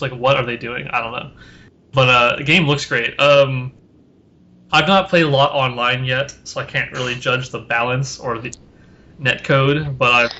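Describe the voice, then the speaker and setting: Tired, rambling man with bright voice. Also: medium pitch, muffled recording. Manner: rambling, filler-heavy, self-deprecating. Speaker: podcast co-host. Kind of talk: casual podcast chat.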